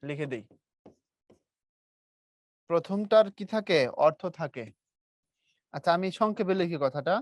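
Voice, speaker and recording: Lively, teasing teacher. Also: male voice, fairly high pitch, unhurried, long pauses, dry recording. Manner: lively, teasing, quizzes students. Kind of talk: classroom grammar lesson.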